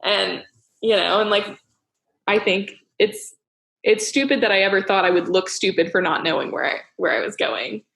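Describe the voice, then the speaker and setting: A woman's voice: mid-range voice, normal speed, creaky, fairly bright tone. A young woman hosting a casual podcast chat, rambling with lots of fillers and frequent laughs. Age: young adult. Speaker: podcast host.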